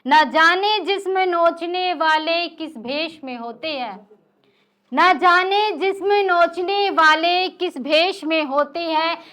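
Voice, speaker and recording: A young woman reciting her own poetry at an open mic. She says each couplet twice, the second time louder and with more force. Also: very high voice, takes it slowly. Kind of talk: reciting Hindi poetry on stage. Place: small live stage.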